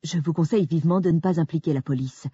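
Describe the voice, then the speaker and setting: A woman's voice: sits low, fast, mellow, breathy edge, no echo, muffled recording. A woman voicing an uneasy hotel manager who speaks politely and carefully, in an audiobook.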